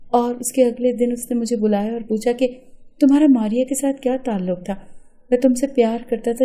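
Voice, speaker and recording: A woman's voice: a little high, warm tone, natural voice. A woman voicing a pleading lovesick young man.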